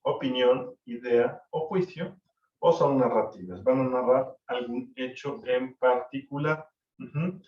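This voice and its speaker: A man's voice: mid-range voice, unhurried. A male teacher gives a class lecture. He explains step by step, repeats key terms and adds tag questions. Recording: dull, roomy audio from a distant mic.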